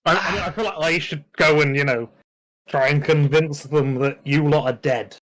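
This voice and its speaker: A man's voice: on the high side, fairly even intonation, normal speed, fairly bright tone, dry recording, poor audio. A man chatting casually as a player in a tabletop game. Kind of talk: casual chat.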